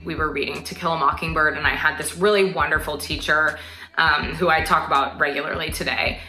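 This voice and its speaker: A woman's voice: deep voice, steady tone, brisk. A woman in her twenties, a teacher, speaking thoughtfully and carefully about a memory. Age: 20s. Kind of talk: personal testimony to camera. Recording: echoey room, soft music behind.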